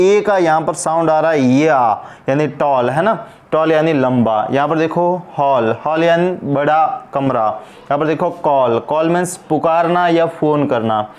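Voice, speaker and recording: A man's voice: on the high side, darkish tone. A man teaching an English pronunciation lesson, asking questions and answering them himself as he repeats each word.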